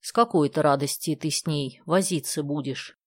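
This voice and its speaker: A woman voicing a calm, measured mother with a dry, doubtful tone in a storybook reading. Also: low-pitched, dry recording.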